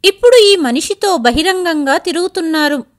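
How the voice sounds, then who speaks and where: A woman's voice: very high-pitched, lively intonation, moderate pace. A woman voicing a daughter-in-law with a scornful, accusing tone. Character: daughter-in-law, cold and contemptuous.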